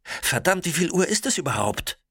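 A man's voice: on the high side, very animated, fairly bright tone, slightly rough, dry recording, clean studio sound, voice pushed up, full character voice. Man doing a clipped tense young woman. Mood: tense urgent. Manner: clipped, brisk. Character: tense young woman taking charge in a crisis.

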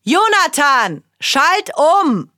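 A woman's voice: sits high, very animated, extremely slow, bright, forceful tone, dry recording, clean studio sound, pitched above the performer's own voice, exaggerated voice. A woman voicing an exasperated father who scolds his son in a raised voice. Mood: scolding. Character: exasperated dad, stern father.

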